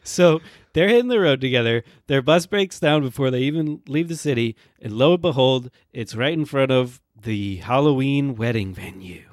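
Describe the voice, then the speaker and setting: A man's voice: animated, moderate pace, few pauses, no room sound, clean studio sound. A man co-hosting a casual comedy podcast who talks hesitantly and often stops to search for words. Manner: hesitant, full of fillers and restarts while pitching ideas. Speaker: podcast co-host.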